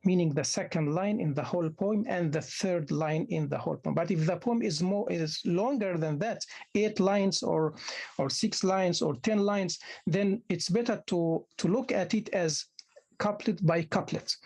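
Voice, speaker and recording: A man, a native Arabic speaker, lecturing postgraduate students in a halting way, often restarting and repeating words as he explains. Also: high voice, darkish tone. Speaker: university lecturer. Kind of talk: academic lecture.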